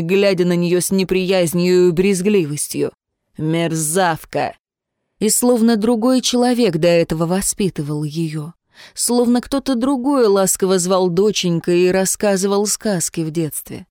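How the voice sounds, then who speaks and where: A woman's voice: on the low side, darkish tone, smooth, no room sound, clean studio sound. Woman narrating a dramatic audiobook. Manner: measured, dramatic reading. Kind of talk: expressive scripted narration.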